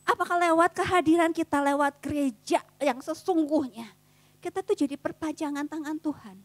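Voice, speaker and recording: High-voiced woman preaching casual youth sermon. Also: moderate pace, dry recording. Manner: casual slangy preaching, swings between soft and fervent. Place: church youth service.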